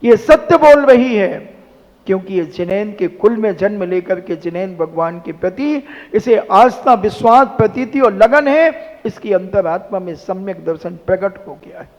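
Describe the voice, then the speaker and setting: A man preaching voices a wise monk who questions gently and speaks firmly. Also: high voice, animated, normal speed. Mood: earnest. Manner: gently questioning, then firm. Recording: dull sound in a long-echo hall.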